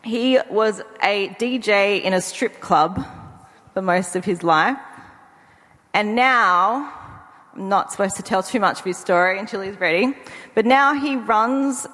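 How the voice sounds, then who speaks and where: A woman's voice: fairly high pitch, a bit bright. Eager chatty woman in a reverberant hall. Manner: eager, chatty, laughs often. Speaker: panelist. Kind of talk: panel discussion. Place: conference hall.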